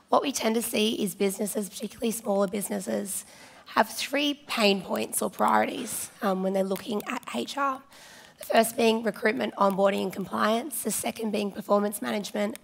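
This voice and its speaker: A woman with a hoarse voice that is giving out, presenting informally and chattily to a conference. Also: medium pitch. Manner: chatty, informal, addressing audience directly. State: hoarse, losing her voice. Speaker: conference presenter, partnerships manager. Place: large conference hall stage, indoors.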